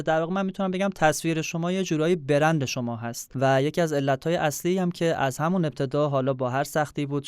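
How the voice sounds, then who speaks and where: A man's voice: on the high side, clear, resonant tone, dry recording, studio quality. A young man, explaining things conversationally as an interview guest. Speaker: guest, YouTuber.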